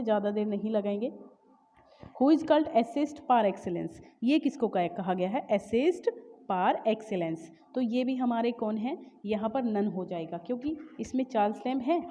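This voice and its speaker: A woman's voice: a little high, mellow, long reverb tail, highs cut off, slight background noise. Woman teacher mixing Hindi and English. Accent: Indian English. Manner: explains in Hindi mixed with English, reads questions out slowly; many fillers and self-corrections. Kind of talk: exam-prep lecture.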